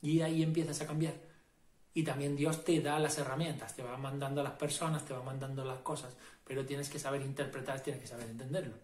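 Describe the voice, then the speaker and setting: A man's voice: mid-range voice, level tone, brisk, darkish tone, reverberant. A man giving a casual motivational talk as a self-help and meditation guide, emphatic and repetitive, often checking in with the listener. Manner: emphatic, repetitive, asks "¿no?" and "¿vale?".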